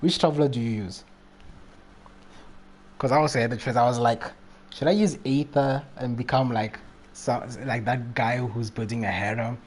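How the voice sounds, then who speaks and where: A game livestreamer gives casual live commentary and chats with his viewers, playful, rambling and reactive. His mid-range voice moves at a moderate pace with long pauses.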